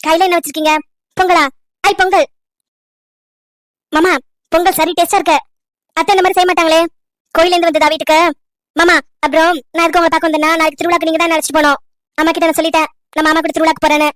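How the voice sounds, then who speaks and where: A woman's voice: very high-pitched, level tone, racing, pauses often, fairly bright tone, no echo, studio quality. A woman voicing a cheerful young village girl who chatters eagerly and coaxes her uncle in a cartoon love story. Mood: chatty. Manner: chatty, coaxing.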